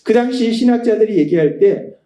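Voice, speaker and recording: High-voiced pastor preaching in a roomy hall. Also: male voice, lively intonation, fairly quick, dark tone. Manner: conversational preaching with rhetorical questions. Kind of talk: Sunday sermon. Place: church sanctuary.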